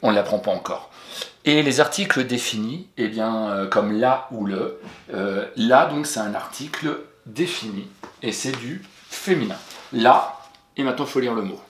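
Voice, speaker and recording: A patient, encouraging man walks a young pupil through spelling, sounding out each letter. His voice sits at an ordinary middle pitch. The room around him rings with noticeable echo. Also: expressive, moderate pace. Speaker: teacher. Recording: roomy echo.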